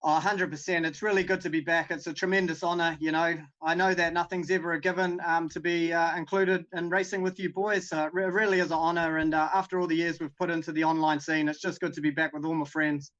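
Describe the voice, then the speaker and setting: A man's voice: fairly high pitch, little pitch movement, quick pace, hardly any pauses, a bit bright, highs cut off. A man with a New Zealand accent chatting as an interview guest, humble and appreciative. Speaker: guest, online racing driver. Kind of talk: casual interview chat.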